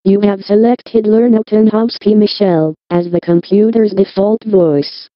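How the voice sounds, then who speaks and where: A synthetic text-to-speech voice of a British woman, speaking in a flat, monotone computer delivery. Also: medium pitch, measured pace, no room sound. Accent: British English. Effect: robotic text-to-speech voice. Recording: dull, dry lo-fi computer audio.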